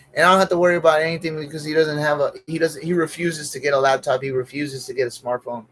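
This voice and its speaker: A man's voice: a little high, a bit bright. A man streaming alone as a comedian, griping in a profane, repetitive, exasperated way. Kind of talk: casual livestream rant.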